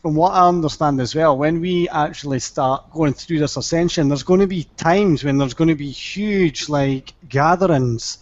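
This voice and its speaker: A man's voice: fairly high pitch, normal speed, few pauses, darkish tone, dry recording. A man hosting a session, asking questions casually in a hesitant way, repeating his words. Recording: dull, dry lo-fi audio.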